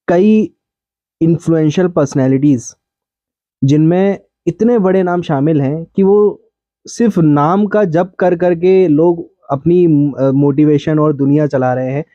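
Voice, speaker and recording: A man's voice: fairly high pitch, unhurried, mellow, dry recording, muffled recording. A man hosting a podcast conversation, chatting casually as he builds a long question for his guest. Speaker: podcast interviewer. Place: cold hill town, bundled up.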